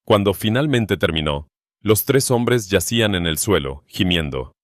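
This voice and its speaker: A man giving a scripted, steady and dramatic narration of a western story. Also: low-pitched, unhurried, dry recording, studio quality.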